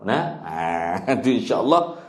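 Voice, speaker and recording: A man's voice: on the low side, very animated, slow pace, echoey room. A man with a Kelantanese Malay accent teaching a religious study class, joking and drilling terms by repeating them. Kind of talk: kitab study class lecture.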